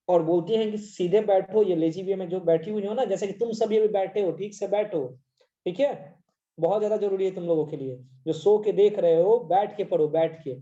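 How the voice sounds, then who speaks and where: Mellow-voiced teacher giving a lively online class. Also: mid-range voice, dull audio. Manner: mixes Hindi and English, constantly checks understanding; reads English lines slowly and deliberately. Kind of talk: live online class lecture.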